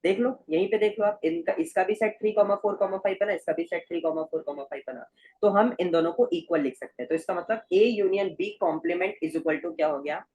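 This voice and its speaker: Hindi math teacher walking through set examples. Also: male voice, high voice, brisk, a little mellow, rough recording. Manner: repeats check-in questions to students. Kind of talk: explaining a lesson. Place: recorded at a screen with slides.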